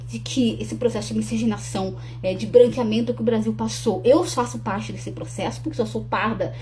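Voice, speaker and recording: A young adult woman from Rio Grande do Sul, Brazil, earnestly promotes her talk in a casual to-camera video. Her slightly high voice sounds mellow and warm, and she often restarts sentences and adds tag questions. A faint hum runs underneath.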